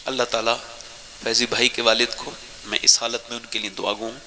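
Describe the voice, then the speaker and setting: A man preaching a sermon with impassioned storytelling. His voice swells high, then sinks soft and tearful. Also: little pitch movement, slight background noise. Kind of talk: Urdu religious sermon.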